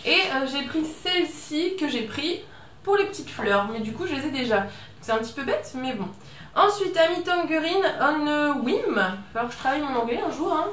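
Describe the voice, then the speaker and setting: A high-pitched woman chatting through a craft haul at home, chatty and self-mocking, full of little fillers. Her voice sits a little back from the mic in an echoey room, with a faint hiss underneath. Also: lively intonation, brisk, a bit bright, far from the mic. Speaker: scrapbooking vlogger. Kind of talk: casual haul video chat.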